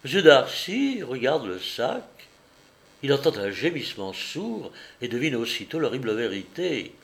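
A man's voice: mid-range voice, big pitch swings, a little slow, creaky. A man doing a gossiping society lady. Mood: gossipy. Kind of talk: audiobook reading.

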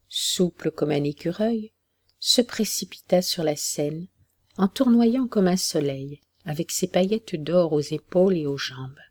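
Slow, measured storybook narrator. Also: medium pitch, a little mellow, no room sound. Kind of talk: storybook reading.

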